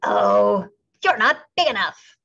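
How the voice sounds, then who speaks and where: A woman voicing a small grouchy ladybug that picks fights, with loud, brash taunts, on a slightly muffled recording. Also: on the high side, very animated, unhurried, husky, voice pushed up, exaggerated voice.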